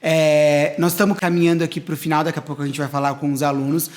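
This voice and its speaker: A man's voice: fairly high pitch, level tone, quick pace. A middle-aged man hosting a school talk show, explaining ideas step by step in a conversational way. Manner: explanatory, builds points in steps. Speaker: academic director hosting a school podcast. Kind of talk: conversational interview.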